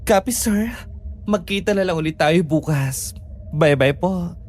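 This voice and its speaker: A woman's voice: lowish voice, darkish tone, close to an everyday voice. A woman playing a sassy, fearless young nurse. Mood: cheerful. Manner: teasing, sassy, quick comebacks. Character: cheeky, fearless young female private nurse. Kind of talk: audio drama acting.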